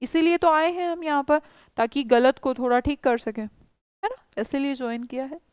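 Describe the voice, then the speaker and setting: A woman's voice: sits high, normal speed, darkish tone, dry recording. A woman with an Indian accent teaching a spoken English class online, coaxing and reassuring her students.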